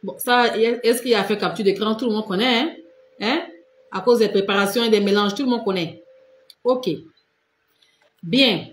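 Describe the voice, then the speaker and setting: A woman's voice: medium pitch, normal speed, pauses often, a little hiss or hum. Woman live-streaming skincare advice, echoey room. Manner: repetitive, direct, addresses viewers as tu and vous. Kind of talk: casual instructive live stream.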